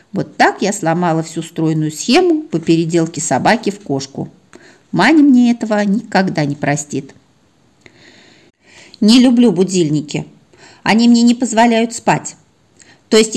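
A woman reading her own humorous story in the first person, wry and expressive. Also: mid-range voice. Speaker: narrator.

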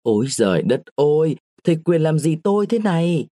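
A frightened young village woman, as a male storyteller puts her on, timid and pleading, going shrill when scared, voiced high in a dry close recording with no room sound at all. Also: animated, normal speed, a little mellow, breathy edge, no room sound. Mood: alarmed.

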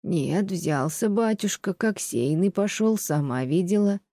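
A fretful old landowner lady over sixty, lonely and reproachful, speaking in a slow, plaintive scolding tone, as a woman reader puts her on. Her voice sits low and mellow, and the recording is close and dry. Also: expressive, no echo. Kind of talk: audiobook reading of classic prose.

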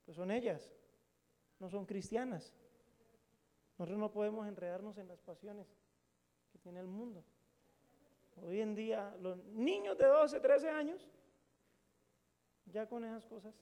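A middle-aged pastor, preaching a sermon to a congregation in a colloquial, joking storytelling way and putting questions to the audience. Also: male voice, high voice, fairly even intonation, measured pace, pauses often, dark tone.

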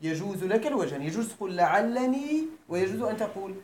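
An Arabic grammar teacher, male and Moroccan-accented, gives a class lecture at a Quran school, often quizzing his pupils to check comprehension. He talks fast in a high, darkish voice that swings widely in pitch. The room is echoey, with faint background noise.

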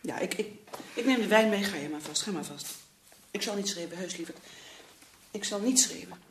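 A woman's voice: mid-range voice, roomy sound, far from the mic, a little hiss or hum, close to an everyday voice. An actress playing a nervous, slightly drunk middle-aged mother who stammers defensively in a radio play. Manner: defensive, halting.

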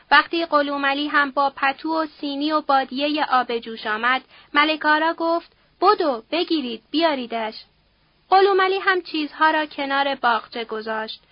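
A woman reading a novel aloud as an audiobook narrator, in a steady, measured way. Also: high-pitched, dry recording, highs cut off.

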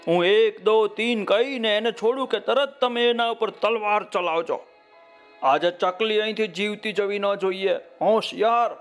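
A man's voice: sits high, measured pace, clear, resonant tone, soft background music. A man voicing a greedy, short-tempered king who barks orders at his soldiers. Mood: commanding. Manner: barking orders. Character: greedy, angry male king, bossy and loud.

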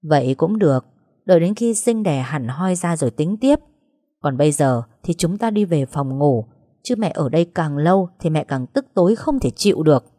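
A woman's voice: sits low, expressive, normal speed, dark tone, no room sound, clean studio sound. A woman voicing a harsh, scornful old matriarch from a rich household, scolding with contempt. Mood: grudging.

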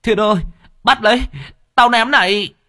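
A man's voice: medium pitch, very animated, moderate pace, a bit bright, husky, pitched above the performer's own voice. A man voicing a cowardly, greedy older man in an audio story, stammering and flustered. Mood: shouting.

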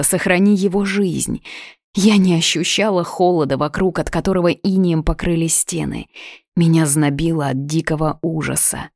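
Low-voiced woman reading an audiobook. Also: a little mellow, no echo, studio quality. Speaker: audiobook narrator. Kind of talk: first-person audiobook narration.

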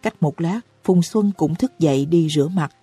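Low, dark-voiced woman narrating a novel. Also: husky, dry recording. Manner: reads slowly and evenly, raising her voice for characters' cries. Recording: dry close recording with soft music behind.

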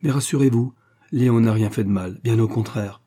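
A man voicing a composed, polite adult inventor in an audiobook, speaking in a measured way. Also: medium pitch, dark tone, lightly acted. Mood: grateful.

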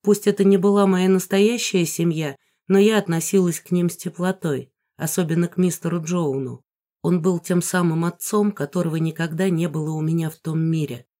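An audiobook reader narrating a first-person story in an even storytelling manner. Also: medium pitch, moderate pace. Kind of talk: scripted narration.

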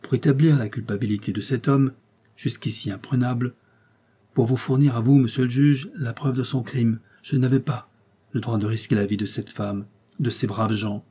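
A man's voice: medium pitch, steady tone, moderate pace, dark tone, slightly rough, close to an everyday voice. A man voicing an earnest police detective in an audiobook, speaking in an explanatory, slightly theatrical way. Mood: anguished. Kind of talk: audiobook character reading.

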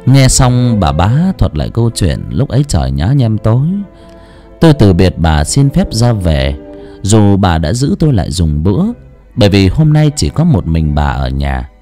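A man narrating an audiobook story in an expressive storytelling manner. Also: low voice, normal speed, faint music behind.

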